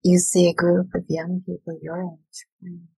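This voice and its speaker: A woman educator speaking in a soft, soothing, deliberate way with pauses, as if leading a guided visualization, her voice breathy and husky. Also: fairly low pitch, flat delivery, dry recording, low-quality recording. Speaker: educator, workshop leader.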